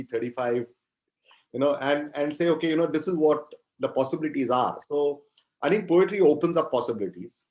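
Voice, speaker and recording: Speaking with a fairly high pitch over poor audio, a poet and entrepreneur in his fifties, Gujarati by first language, gives conversational interview answers. He sounds halting and reflective and repeats phrases.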